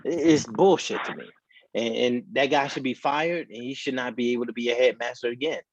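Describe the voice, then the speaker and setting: A man's voice: mid-range voice, a little fast, dry recording. Muffled man, like through a wall. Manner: earnest and heated, speaks in short restarting bursts. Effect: muffled, as if heard through a wall. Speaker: podcast co-host. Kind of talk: casual opinionated chat. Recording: dull muffled remote call audio.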